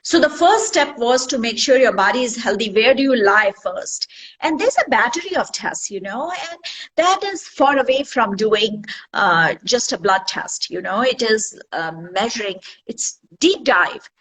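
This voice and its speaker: Lady doctor on a live stream, voice glitching and cutting out, kinda high, halting. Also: lively intonation, fairly bright tone, low-quality recording. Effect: choppy, glitching call audio breaking up. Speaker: doctor, guest. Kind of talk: live online interview.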